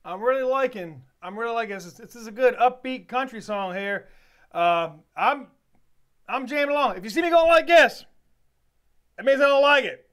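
Man, very high voice, smooth and clear, folksy rambling reaction chat. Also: expressive, moderate pace, a bit bright. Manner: folksy, rambling, easygoing talk. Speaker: music reaction channel host. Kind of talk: casual reaction commentary.

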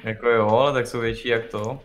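A young man chatting casually while playing a game with a friend, often getting excited and yelling at the monsters. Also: mid-range voice. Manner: excitable, yells and laughs at game mobs. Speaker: gamer. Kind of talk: casual gaming chat. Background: game music.

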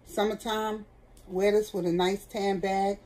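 A woman's voice: mid-range voice, flat delivery, measured pace, warm tone, rough recording. A middle-aged woman, chatting candidly to her viewers while seated at home. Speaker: vlogger. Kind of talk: casual chat.

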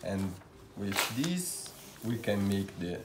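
A young man with an Italian accent gives a casual tour of his tailoring workshop, pausing often with "uh" fillers, recorded on a visitor's handheld camera in an indoor workshop. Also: fairly low pitch, big pitch swings, noisy background. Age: young adult. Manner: halting, with frequent "uh" fillers. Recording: roomy workshop, faint ambience.

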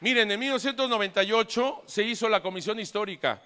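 High-voiced priest in an echoey hall. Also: male voice, quick pace, a faint crowd, a little hiss or hum. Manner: animated, emphatic, joking asides. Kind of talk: storytelling talk to a live audience. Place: large hall with an audience.

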